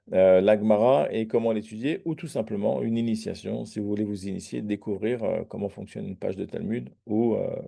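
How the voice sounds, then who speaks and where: A man's voice: fairly low pitch, gravelly, dark tone, breathy edge. A man teaching a Talmud lesson, reading each phrase and then translating and explaining it. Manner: hesitant fillers and restarts.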